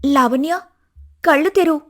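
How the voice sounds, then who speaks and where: A woman voicing a fierce, protective older sister in an animated storybook, speaking forcefully and urgently. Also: high voice, moderate pace, pitched above the performer's own voice.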